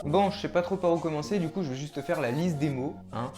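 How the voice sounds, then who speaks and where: A man's voice: a little high, quick pace, over loud music. Casual, chatty man explaining workout terms. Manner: relaxed, chatty, laughs at himself. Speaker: fitness YouTuber.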